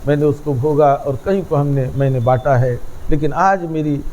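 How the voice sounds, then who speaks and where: A man's voice: a little high, normal speed, warm tone, slight background noise, close to an everyday voice, low-quality recording. A man voicing an elderly nun who speaks in a humble, thankful way, told as a quote within a sermon. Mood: grateful. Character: elderly woman, a grateful dying nun.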